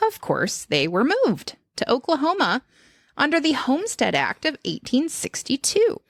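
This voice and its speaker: Brief: woman podcast host, lively pitch, dry close sound, giggly and animated. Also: moderate pace, dry recording. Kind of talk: casual chat.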